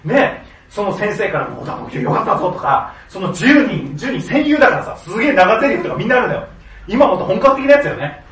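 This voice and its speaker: Male storyteller, high and very lively, laughs a lot, acts out quotes; off-mic, roomy echo. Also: fairly quick, far from the mic. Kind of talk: storytelling monologue. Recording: echoey room, voice a bit off-mic, faint background noise.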